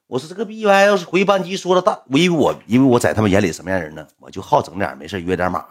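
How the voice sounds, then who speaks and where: A man's voice: medium pitch, lively intonation, rapid-fire. A young man with a Northeastern Mandarin accent telling a story to an audience in a blunt, colloquial way, swearing now and then and voicing both sides of the dialogue. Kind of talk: casual spoken storytelling to an audience.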